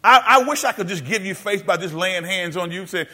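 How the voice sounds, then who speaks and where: This pastor's sermon comes in a high-pitched, fairly quick voice that sounds pushed and bright. He calls questions out to the congregation in call-and-response style, speaking folksily and addressing them as "y'all" and "baby."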